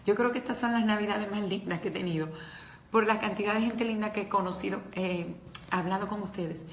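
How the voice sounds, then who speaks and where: A woman's voice: medium pitch, brisk, reverberant, slight background noise. A woman preaching a devotional talk to women, earnest and emotional, speaking straight to her listeners.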